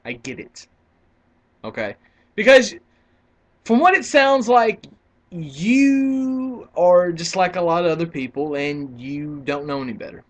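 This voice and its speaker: A man's voice: high-pitched, expressive, unhurried. A man in his twenties ranting casually to camera as a wrestling vlogger, argumentative and rambling with frequent restarts. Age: 20s.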